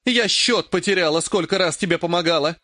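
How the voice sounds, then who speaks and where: A man reading an audiobook, voicing a furious, grasping old woman mage in a raised, shrill, scolding voice. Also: brisk, fairly bright tone, no room sound, clean studio sound. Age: older.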